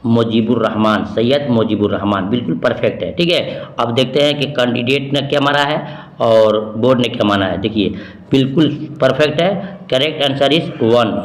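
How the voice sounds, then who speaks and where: A man's voice: mid-range voice, echoey room. A man teaching, walking through an exam answer key in an emphatic way, repeating key terms and asking rhetorical questions.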